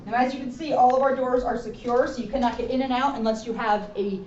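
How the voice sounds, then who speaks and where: This policewoman speaks quickly, her slightly high voice a bit mellow and fairly even in intonation, as she casually shows viewers around the halls and rooms of a police station. She addresses them directly with plain explanations, and the distant camera mic yields a roomy, muffled, noisy recording.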